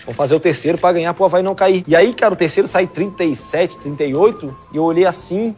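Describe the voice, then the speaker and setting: Fast, high-voiced man. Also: soft background music. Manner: animated, profane, acts out quotes. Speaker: guest. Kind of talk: casual storytelling.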